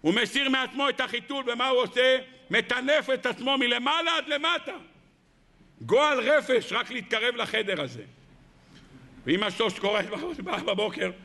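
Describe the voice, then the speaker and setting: Male rabbi, sermon style, impassioned storyteller with a very high, bright voice. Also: gravelly. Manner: impassioned, acts out voices and stories.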